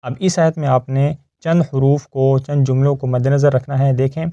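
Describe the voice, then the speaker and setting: A man teaching Quran recitation step by step. He explains each rule patiently, checks often that the listener follows, and recites the verses slowly and drawn out. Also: mid-range voice, level tone, warm tone, no room sound, highs cut off.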